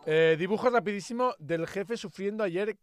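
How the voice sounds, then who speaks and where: A young man with an accent from Spain, chatting excitedly on a livestream, swearing freely and tossing playful insults at friends. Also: high voice, moderate pace. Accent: Spain Spanish. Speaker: streamer. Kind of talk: casual livestream chat reacting to fan art.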